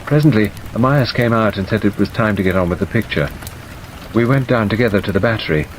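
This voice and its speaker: A man with a fairly low voice narrates an audiobook at a quick pace, telling the tale in a scripted, dramatic style. The recording is rough, with steady rain noise running over his voice.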